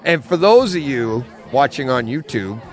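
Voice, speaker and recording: A middle-aged man co-hosting a casual podcast from a comic bookstore, telling an animated story and laughing often. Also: mid-range voice, normal speed, faint music behind. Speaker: podcast co-host.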